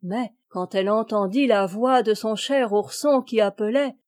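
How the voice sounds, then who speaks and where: A woman audiobook narrator reading a classic children's tale in a measured, expressive way. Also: medium pitch. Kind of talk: scripted narration.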